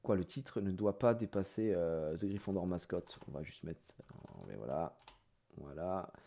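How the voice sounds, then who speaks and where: Animated male streamer chatting live. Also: low voice, normal speed, gravelly. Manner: animated, swings from loud exclamations to muttering; swears casually while fiddling with the computer. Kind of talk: casual live-stream chat.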